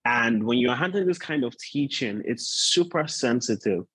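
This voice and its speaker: A man preaching as a guest pastor in an informal, measured, unhurried way, often repeating points for emphasis. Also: mid-range voice, animated, fairly bright tone, husky, no echo. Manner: unhurried, measured delivery with deliberate repetition. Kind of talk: sermon, informal preaching to an online gathering.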